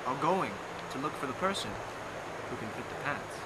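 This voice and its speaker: On a lawn outside, a young man acts as narrator for a theatrical bedtime story, speaking in an expressive, medium-pitched voice. He is dramatic and playful, lingering on phrases and repeating them, and the live amateur recording is noisy.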